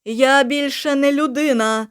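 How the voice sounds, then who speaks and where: A woman voicing a male captain who has been taken over by an ancient vengeful city, speaking slowly and solemnly in an audiobook. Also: high voice, fairly even intonation.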